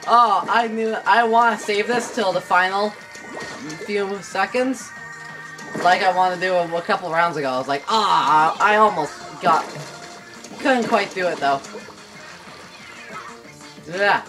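Excitable guy over game music. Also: sits high, measured pace, pauses often. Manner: excitable, rambling, laughs often. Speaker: gaming channel host. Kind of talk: casual gameplay commentary. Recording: game music playing under the voice. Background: video game music.

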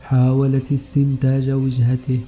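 A man reading an adventure story aloud in a measured narration. His voice is deep-toned and mellow at a medium pitch, and faint music plays softly behind him. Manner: steady storytelling delivery. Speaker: audiobook narrator. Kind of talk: scripted narration.

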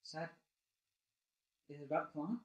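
Young male co-host, high voice, dry goofy asides, roomy echo. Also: normal speed. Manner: jokey, deadpan absurd asides. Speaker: co-host riffing on a bad movie. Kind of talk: casual movie riffing commentary.

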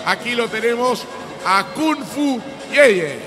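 A man with an Argentine accent giving excited, emphatic play-by-play wrestling commentary, repeating words for effect. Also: very high voice, takes it slowly, music in the background, crowd noise. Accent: Argentine Spanish.

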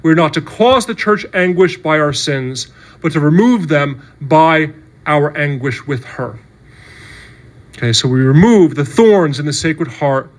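A priest delivers a sermon in an earnest, conversational manner. His speaking voice sits a little higher than most men's, and he keeps asking "right?" as he goes along. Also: animated, unhurried. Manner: earnest, conversational preaching with frequent "right?" and "okay". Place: church.

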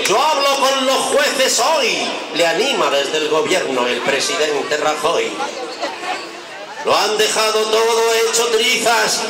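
A man from a Spanish festival stage, with a Spain accent, declaims satirical rhymes as a town crier. His voice is high and gravelly. It is picked up from far off, under very loud crowd noise. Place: outdoors at night, public festival stage. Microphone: far camera in the audience. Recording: distant outdoor amateur recording, echoey, loud crowd noise.

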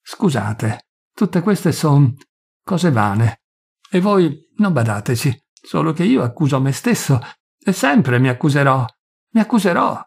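A tormented young village priest pours out his shame in pleading, self-accusing confessions, as a man reads him aloud. The voice is gravelly and husky. It suits a spoken-word story reading. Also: on the high side, very animated, unhurried, full character voice. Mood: anguished. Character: poor young village priest, ashamed and anguished.

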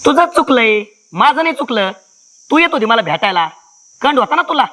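An actor playing a callous young village lover, dismissive and mocking. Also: male voice, extremely high pitch, big pitch swings, moderate pace, sharp tone, exaggerated voice.

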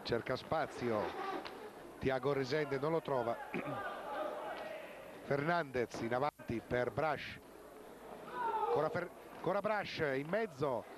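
A man giving live match commentary as a sports commentator, excited and drawing out words at goals. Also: mid-range voice, takes it slowly, long pauses. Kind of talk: live goal commentary on an Italian roller hockey match. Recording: very noisy sports hall TV broadcast.

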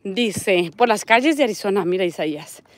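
A woman's voice: medium pitch, lively intonation, moderate pace, dry recording. Chatty Mexican woman vlogging outdoors. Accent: Mexican Spanish. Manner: chatty, reads viewer comments aloud, points things out. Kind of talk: casual live-stream walking vlog. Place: outdoors on a residential desert street.

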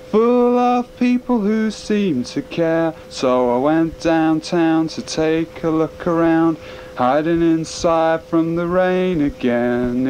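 A man's voice: on the high side, darkish tone. A man with an easygoing, unpolished manner, heard from a dull, hissy cassette tape transfer of a homemade recording. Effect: muffled lo-fi cassette tape recording. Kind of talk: homemade songs with spoken intro.

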